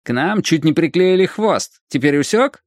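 A man playing a hard, calculating teenage gang leader who speaks in a measured, lecturing way. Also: a little high, animated, dry recording, studio quality, pitched above the performer's own voice, natural voice.

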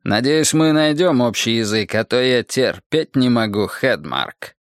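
A man's voice: mid-range voice, lively intonation, measured pace, no echo, studio quality, natural voice. A man playing a stern formal police detective. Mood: firm. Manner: firm, formal.

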